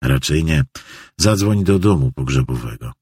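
A man voicing a stern small-town sheriff who speaks low, curt and clipped. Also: expressive, normal speed, a little mellow, breathy edge, dry recording, studio quality, heavily acted.

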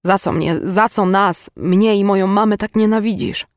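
A wounded, defiant young woman speaks with raised pitch and charged intensity, as a man reads her part. The recording is dry and close, as in a studio audiobook. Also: moderate pace, dry recording. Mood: weary reproach. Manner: intense, emotionally charged delivery. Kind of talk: audiobook character reading.

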